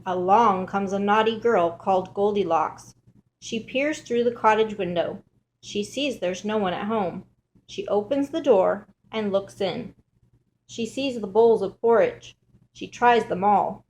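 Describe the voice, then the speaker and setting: A woman reading a children's picture book aloud in a steady, clear manner. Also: mid-range voice, measured pace. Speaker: storybook reader.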